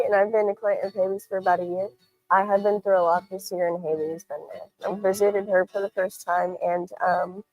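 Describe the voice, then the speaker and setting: A woman's voice: lowish voice, warm tone, poor audio. A woman giving a heartfelt, grateful testimonial about a service she used. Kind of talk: sponsor testimonial.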